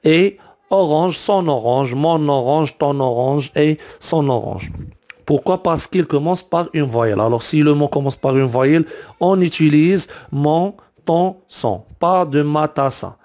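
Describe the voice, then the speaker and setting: A man teaching a French grammar lesson, explaining slowly and repeating each form many times, with frequent fillers like "donc" and "alors". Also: on the high side, darkish tone.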